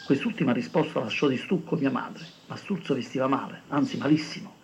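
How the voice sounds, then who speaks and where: A man's voice: medium pitch, brisk, vocal fry, darkish tone, a little hiss or hum. An older man telling a wry, reminiscing story. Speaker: narrator. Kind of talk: storytelling narration. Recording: dull lo-fi recording with faint music.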